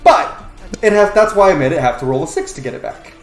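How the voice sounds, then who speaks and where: A man's voice: a little high, animated, fast talker. A man narrating a tabletop role-playing game as the game master. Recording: roomy echo, faint music underneath. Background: faint background music.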